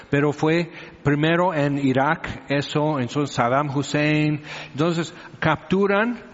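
A male preacher gives a sermon in a conversational, teasing way and keeps checking that his listeners follow. His voice sits a little high for a man. The sound is dull and lo-fi, with a long hall reverb around it.

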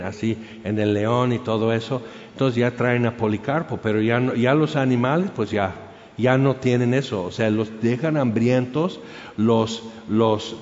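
A man preaching, telling a martyr's story in an animated way, with many fillers and acted-out crowd shouts. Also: medium pitch. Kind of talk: sermon storytelling. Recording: dull sound in a reverberant hall.

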